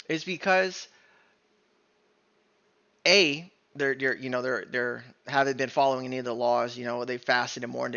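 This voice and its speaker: A man's voice: mid-range voice, bright, forceful tone, highs cut off. A man giving an informal, earnest bible teaching in a conversational way, often checking in with "right?" and correcting himself as he goes.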